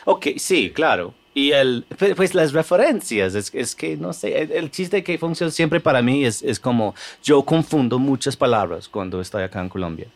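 American man talking comedy in halting Spanish. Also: medium pitch, animated. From United States. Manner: explains his comedy method in halting Spanish, mixing in English fillers. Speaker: comedian guest. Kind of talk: casual podcast conversation.

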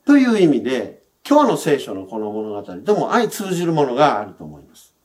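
Lively male pastor giving a sermon. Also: medium pitch, brisk. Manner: conversational, explanatory, with frequent softening sentence endings.

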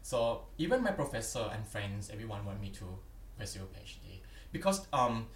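On a podcast, a young Thai PhD candidate answers interview questions earnestly and plainly in a Thai accent, his rather low voice swinging widely in pitch at a normal pace. He sprinkles in "yeah" and "yep" often. The recording sounds roomy and distant from the mic, with faint background noise.

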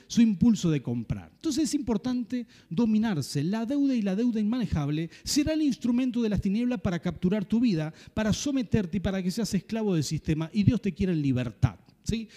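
A high-pitched, warm, mellow man's voice with a Rioplatense Spanish accent carries through a church hall with a long reverb. The middle-aged pastor tells a story as part of his sermon, repeating phrases for effect and adding touches of humor.

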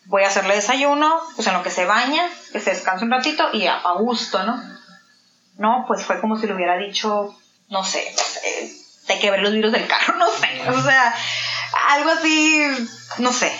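A woman's voice: fairly high pitch, sharp tone. A woman with a Mexican accent, a guest in an interview, telling a personal story and acting out the dialogue she quotes. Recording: roomy, slightly dull sound.

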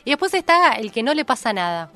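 A woman's voice: on the high side, sing-song, fast talker, pushed and bright. Upbeat woman radio host. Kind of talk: radio interview. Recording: radio studio with faint music.

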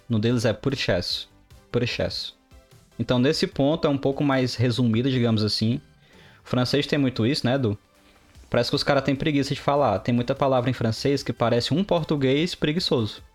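A man, co-hosting a casual podcast chat and telling stories with lively mimicry of how others talk. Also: mid-range voice, quick pace, soft background music. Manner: animated storyteller, mimics others' phrasing. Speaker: podcast co-host, developer.

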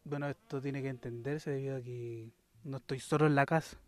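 A man with a Chilean accent hosting a casual solo talk from home, speaking quietly and a little self-consciously. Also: medium pitch, steady tone, fairly quick, soft background music. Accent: Chilean Spanish. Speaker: host.

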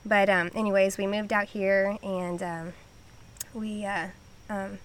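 A Southern California woman who is an army veteran appears as a podcast guest in a casual interview, answering hesitantly with lots of ums and easy laughs. Her mid-range voice is flat and slow.

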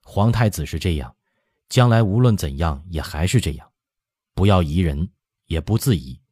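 Voicing a composed imperial prince for an audiobook, a man delivers a coolly stern rebuke in a calm, flat, measured manner. The deep, dark voice carries a husky grain, and the recording is dry with clean studio sound.

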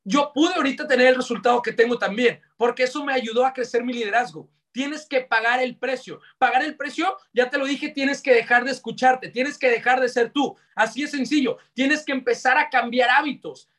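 A high-pitched man with a Mexican accent gives a blunt, slangy motivational talk and hammers his points through repetition. His voice sounds distant from the mic, as if recorded from across the room. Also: brisk, few pauses, fairly bright tone. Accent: Mexican Spanish. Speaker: network marketing motivational speaker.

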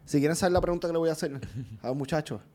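Fast-talking man, mellow voice. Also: on the high side. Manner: animated storytelling, swears often. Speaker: podcast co-host. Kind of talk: casual chat.

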